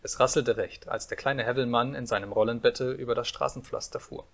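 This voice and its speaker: A man reading a fairy tale aloud as an audiobook narrator, calm and measured. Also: mid-range voice, gravelly.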